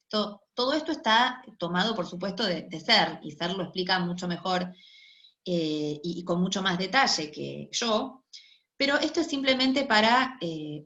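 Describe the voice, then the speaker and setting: A university lecturer with a mid-range, fairly bright voice explains linguistics in a recorded online class, frequently checking in with her listeners. The room is echoey and the sound is dull and lo-fi.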